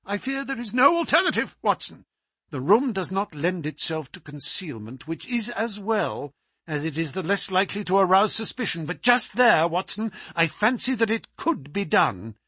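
A man voicing a brilliant, feverish male detective who speaks crisply and urgently. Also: high-pitched, big pitch swings, moderate pace, bright, forceful tone, dry recording, pitched above the performer's own voice, full character voice.

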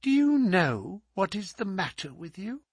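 Brief: man playing a sneering male villain, high-pitched and bright, husky edge, pitch swooping as he taunts. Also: very animated, unhurried, dry recording, heavily acted. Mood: taunting. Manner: mocking and taunting. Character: sneering, cruel middle-aged male visitor.

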